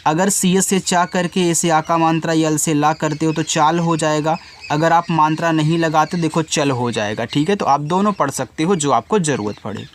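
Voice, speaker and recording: A man's voice: fairly high pitch, moderate pace, slight background noise. A man teaching English spelling in Hindi, who spells each word out letter by letter and then patiently explains how every sound is read.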